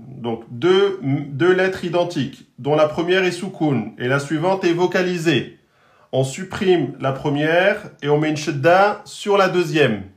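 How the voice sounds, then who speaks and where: Slow, patient male teacher in echoey room. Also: on the high side. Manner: slow, patient, repeats and drills pronunciations. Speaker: Arabic and Quran teacher. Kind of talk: online lesson. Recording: roomy echo.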